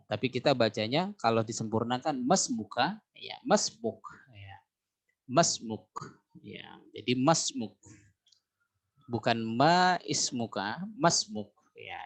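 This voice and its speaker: A man teaching a language class, explaining slowly and repeating phrases, often ending with a drawn-out "ya". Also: medium pitch. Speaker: Arabic teacher.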